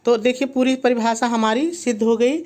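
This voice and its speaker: A man's voice: extremely high pitch, fairly even intonation, moderate pace, a little mellow. A man teaching a poetry lesson, counting syllables aloud methodically and guiding students with frequent prompts to look and check. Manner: guides with frequent "see" and "okay" prompts. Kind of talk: online grammar lesson.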